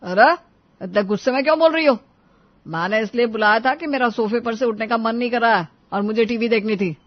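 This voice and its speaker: A woman voicing a lazy, demanding young husband in an animated story, whining for things to be fetched. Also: mid-range voice, brisk, muffled recording, close to an everyday voice. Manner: whiny, demanding.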